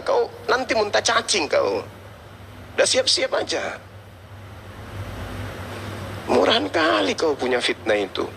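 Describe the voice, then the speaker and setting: A man's voice: high-pitched, bright, forceful tone, a little hiss or hum. A man, hosting a debate channel and scolding someone in an angry, threatening rant.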